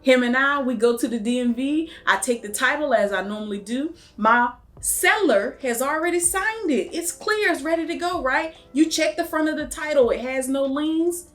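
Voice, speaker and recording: A woman's voice: high-pitched, normal speed, hardly any pauses, faint music behind. A woman mobile home investor, telling a story straight to her viewers. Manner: animated, talks straight to viewers. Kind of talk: storytelling vlog.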